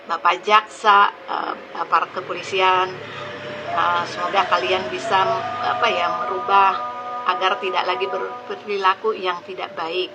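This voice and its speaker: A woman of middling pitch speaks with earnest indignation, stopping again and again to hunt for the next word. Clear music plays under her voice the whole time. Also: low-quality recording. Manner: earnest, indignant, with many hesitations. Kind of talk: impassioned online opinion statement.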